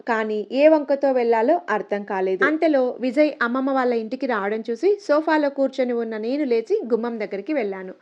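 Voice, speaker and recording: A young woman narrating a first-person love story in a gentle, dreamy storytelling manner. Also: a little high, fairly quick, few pauses. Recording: muffled lo-fi recording.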